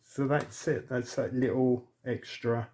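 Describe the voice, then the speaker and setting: A man's voice: mid-range voice, level tone, unhurried, a little mellow. A man hosting a casual crafting tutorial, chatty and thinking aloud as he works. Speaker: crafting channel host.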